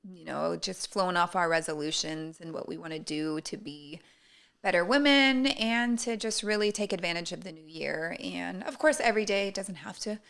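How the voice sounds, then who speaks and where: Bright, gravelly woman podcast host. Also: on the low side, normal speed. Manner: relaxed, reflective, with frequent fillers. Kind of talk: casual chat.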